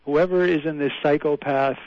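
A man's voice: fairly high pitch, fairly even intonation, normal speed. A man calling in to a radio show over the phone, laying out his view earnestly and insistently. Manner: earnest, insistent, explaining a theory. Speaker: radio call-in caller. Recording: dry, muffled phone line.

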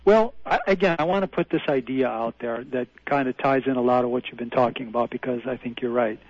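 A man's voice: medium pitch, fast talker, no room sound. A man calling in to a radio show over the phone, laying out his view earnestly and insistently. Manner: earnest, insistent, explaining a theory. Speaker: radio call-in caller. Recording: dry, muffled phone line.

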